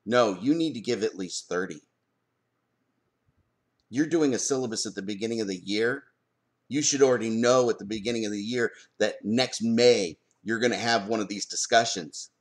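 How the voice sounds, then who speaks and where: A man talking in an opinion vlog as a parent. He argues forcefully, stops to ask pointed rhetorical questions and answers them himself. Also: lowish voice, moderate pace. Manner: emphatic, argumentative, fires rhetorical questions. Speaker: parent commenting on school board policy.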